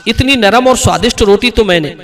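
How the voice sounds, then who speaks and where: A man voicing a clever poor beggar who flatters his host eagerly. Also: high-pitched, brisk, big-room sound. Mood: flattering. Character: clever poor male beggar playing along.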